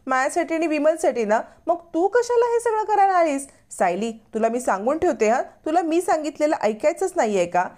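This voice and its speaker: Woman narrator doing a fussy middle-aged mother-in-law, scolding, pitched a touch high, storybook retelling. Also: expressive, moderate pace, few pauses, darkish tone. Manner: scolding, raised voice.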